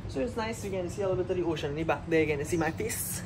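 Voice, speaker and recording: A man's voice: high voice, rapid-fire, background noise. Laid-back Trinidadian man vlogging. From Trinidad and Tobago. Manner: laid-back, chatty, playful slang. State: tired from little sleep. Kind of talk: casual vlog to camera. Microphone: phone held at arm's length. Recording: loud music over the voice.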